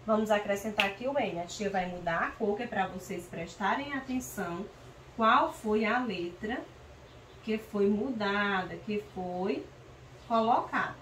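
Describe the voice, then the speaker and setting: A primary school teacher from northeastern Brazil, speaking Brazilian Portuguese with that regional accent, gives young children a slow, patient reading lesson, sounding out syllables clearly and calling on pupils by name. Her mid-range voice is a bit bright, captured by a distant mic in a roomy space with faint noise.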